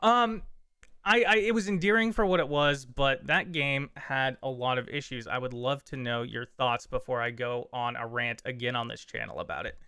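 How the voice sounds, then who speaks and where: A man's voice: medium pitch, moderate pace, pushed and bright, clean tone, no room sound. A man co-hosting a casual podcast, rambling and enthusiastic, with dry sarcasm. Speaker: podcast co-host. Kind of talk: casual chat.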